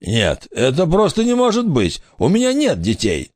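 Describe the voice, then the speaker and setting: A man's voice: fairly high pitch, wildly swooping pitch, moderate pace, a little mellow, no echo, studio quality, pitched above the performer's own voice. A man voicing a boastful, easily scared adult pirate with a raised, blustering voice in an audiobook. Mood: rattled. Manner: blustering, threatening. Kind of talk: audiobook character voice.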